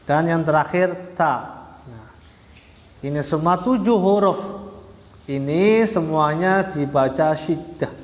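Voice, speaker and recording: A man teaching Arabic letter pronunciation, slowly and patiently, repeating each point and sounding out the letters syllable by syllable. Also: fairly high pitch. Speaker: Quran recitation teacher. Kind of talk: religious lesson. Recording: echoey hall, roomy reverb.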